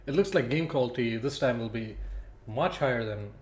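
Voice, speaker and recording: A young man casting a student esports tournament alone on a stream, chatty and self-deprecating, thinking out loud between picks. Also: mid-range voice, lively intonation, normal speed. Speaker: esports caster. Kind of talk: solo livestream commentary.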